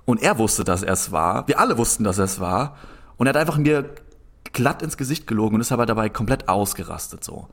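A man's voice: lowish voice, quick pace. Young man rambling through a story. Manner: rambling, animated anecdote with frequent restarts and filler "so". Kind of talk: casual storytelling in conversation.

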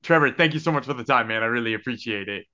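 A man's voice: mid-range voice, rapid-fire, pushed and bright. A man hosting a sports podcast, interviewing and talking through matchups in a casual style. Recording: slightly dull, lo-fi sound.

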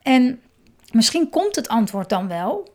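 A woman in her thirties speaking as a parenting coach, in a calm, earnest reflective monologue that often restarts words. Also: on the high side, slow pace.

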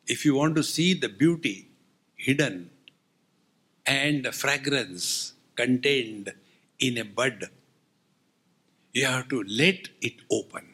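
A man's voice: medium pitch, takes it slowly, pauses often, bright, forceful tone, breathy edge. A man with an Indian accent giving a spiritual discourse as a swami, telling humorous anecdotes in a wry, teasing way with rhetorical questions.

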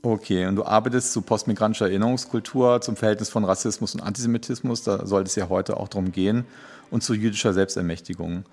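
A man hosts a podcast interview and walks through his guests' backgrounds. His voice sits on the low side, and he pauses often, leaning on filler sounds as he goes. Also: steady tone, a little mellow. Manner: hesitant, many filler sounds. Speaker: podcast host.

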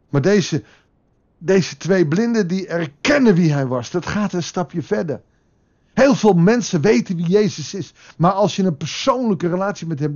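A man preaching with real fervour, his fairly high voice climbing to emphatic peaks. At other moments he drops to a hushed, prayerful tone. The recording is muffled and lo-fi. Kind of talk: devotional sermon with prayer.

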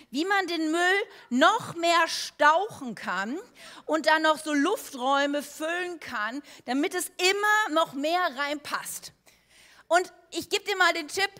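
A woman preacher giving a sermon, talking to her listeners directly and conversationally, moving between emphatic and quiet passages. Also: high voice. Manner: conversational, addressing listeners directly with everyday examples.

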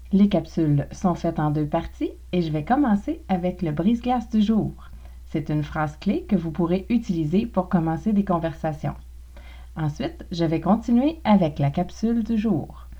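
A woman with a Québécois accent hosting a language podcast, reading a scripted lesson and slowly modelling phrases for learners to repeat. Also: lowish voice, warm tone, lo-fi sound. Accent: Québécois French. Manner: clear, slow model pronunciations for learners to repeat. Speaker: podcast host teaching Quebec French.

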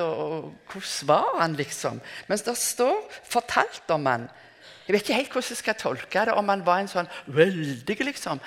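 An older woman giving a reflective, conversational sermon, often pausing to restart her thoughts. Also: on the low side. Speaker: preacher. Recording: reverberant hall.

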